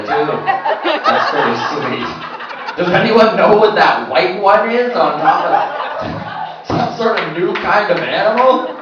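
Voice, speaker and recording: A male stand-up comic working the crowd with a dry, self-deprecating delivery. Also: a little high. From Canada. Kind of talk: stand-up comedy routine. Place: comedy club stage. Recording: echoey club from far off, dull muffled sound, background noise.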